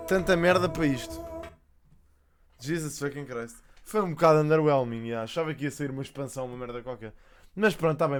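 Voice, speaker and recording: A man's voice: mid-range voice, smooth. A man with a European Portuguese accent giving casual, slangy, sweary reaction commentary as a streamer, slipping in English. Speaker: streamer reacting to a game announcement.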